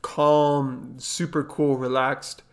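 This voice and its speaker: A man's voice: medium pitch, little pitch movement, drawn-out words. A young man hosting a reaction video, talking casually with lots of fillers and repeating himself. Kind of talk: casual commentary.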